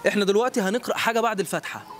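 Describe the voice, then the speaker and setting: Fast-talking Egyptian man quizzing people. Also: high-pitched, a crowd in the background. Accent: Egyptian Arabic. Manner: encouraging, repeats praise often. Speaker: street quiz host. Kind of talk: street interview quiz. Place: outdoors on a city street.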